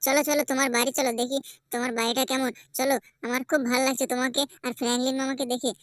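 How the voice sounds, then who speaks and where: A woman's voice: high voice, flat delivery, racing, no echo, clean studio sound, lightly acted. A woman voicing an eager, affectionate little boy greeting his older brother. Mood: happy eager.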